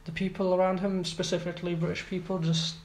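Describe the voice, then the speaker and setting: A man's voice: high-pitched, little pitch movement, fast. Hesitant Iraqi-raised young man, roomy sound. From Iraq. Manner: hesitant, many fillers and restarts. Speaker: guest. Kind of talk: casual interview. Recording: roomy echo, faint background noise.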